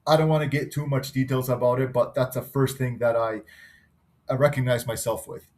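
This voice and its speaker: A man in his thirties from Canada, an engineer giving an unscripted class presentation. He talks easily and pauses now and then while working on his screen. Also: medium pitch, fairly even intonation, a little mellow.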